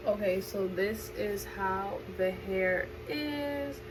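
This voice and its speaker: A young woman chatting casually to camera as a vlogger, with a bubbly, gushing sorority-girl manner and drawn-out emphasis, recorded at home. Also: mid-range voice. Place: indoors in a room at home. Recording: home recording with background noise.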